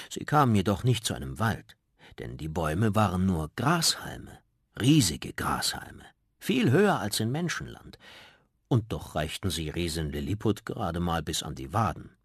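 Husky low-voiced male storyteller. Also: normal speed, no echo, studio quality. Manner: lively storytelling. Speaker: reader. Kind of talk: scripted children's story narration.

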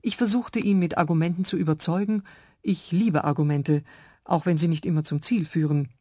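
Brief: a low-voiced woman narrating a children's radio story, calm and clear, dry studio. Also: moderate pace, no room sound. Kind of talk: scripted story reading for children.

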